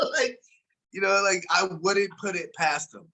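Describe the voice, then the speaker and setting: A man's voice: high-pitched, unhurried, vocal fry, bright, forceful tone. A man co-hosting a podcast in casual, profane, joking banter. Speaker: podcast co-host. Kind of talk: casual chat.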